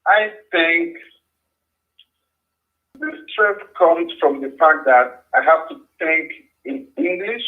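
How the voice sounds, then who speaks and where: A man's voice: a little high, expressive, slow, pauses often. A man with a French accent, a French native speaker, talking carefully over a video call as a guest in a career coaching session. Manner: careful, hesitant speech with restarts. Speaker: job-seeking guest. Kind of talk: live-stream coaching conversation. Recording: muffled remote call audio.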